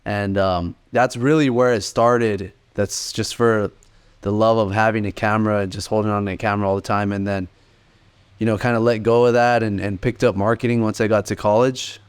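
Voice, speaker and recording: A man's voice: fairly low pitch, steady tone, brisk, smooth. A man in his late twenties telling his story in a laid-back, rambling way as a podcast co-host. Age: 20s. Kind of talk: casual podcast chat.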